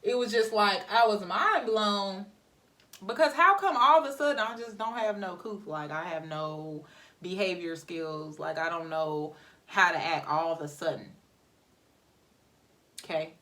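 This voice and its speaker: Fixing her hair at home as she gets ready, a young vlogger animatedly tells her viewers a work story, addressing them as y'all. She sounds unhurried and mid-range, and her voice is somewhat distant from the microphone.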